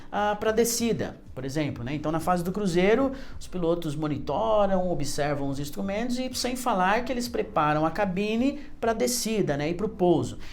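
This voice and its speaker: A Brazilian woman teaches an online class. Her voice sits a little low for a woman. She explains points conversationally, then slows down to model careful example sentences. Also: a little mellow. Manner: explains in Portuguese, then models slow, careful English answers. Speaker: English teacher. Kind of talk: online lesson.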